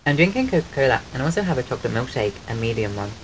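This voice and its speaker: A man with a soft voice that people often take for a woman's, chatting casually on a live stream at home and thanking his viewers. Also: mid-range voice, big pitch swings, racing, rough recording. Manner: chatty and rambling, thanks viewers while eating. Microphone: desk microphone. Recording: clear background noise on the stream mic.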